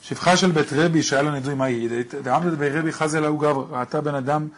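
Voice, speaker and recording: A man's voice: on the high side, steady tone. A man giving a daily Talmud lesson, reading the Aramaic text aloud and explaining it line by line. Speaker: Talmud teacher.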